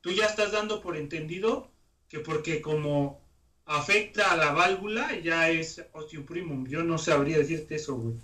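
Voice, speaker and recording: A man's voice: a little high, normal speed, bright, forceful tone. A young man with a Mexican accent who questions the material and swears casually during a study session. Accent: Mexican Spanish. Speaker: medical exam study partner.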